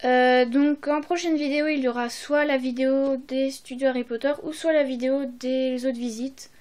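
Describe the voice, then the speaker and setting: A woman's voice: sits high, steady tone, moderate pace, darkish tone. A young woman presenting her holiday purchases in a casual haul video, hesitant and full of fillers and restarts. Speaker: vlogger.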